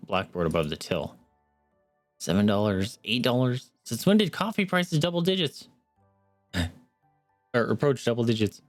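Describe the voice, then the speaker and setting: A man's voice: lowish voice, dry recording. A young man streaming, earnestly reading a story game aloud and adding wry asides. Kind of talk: reading a visual novel aloud with commentary.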